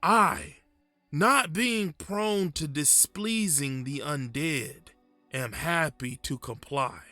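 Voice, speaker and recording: A man performs a frightened, muddled man telling his own horror tale in hushed, creeping unease. The delivery is very slow and halting, with a slightly high male pitch and a wry edge. Soft music sits behind the roomy sound. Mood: creeping dread. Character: frightened confused man haunted by screaming apparition, wry. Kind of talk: first-person horror story narration.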